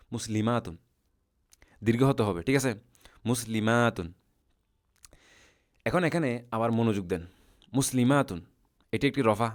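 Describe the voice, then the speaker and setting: A man teaching a recorded language lesson, patiently repeating word forms slowly for his students. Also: fairly low pitch, smooth. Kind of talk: recorded lesson explaining a chart.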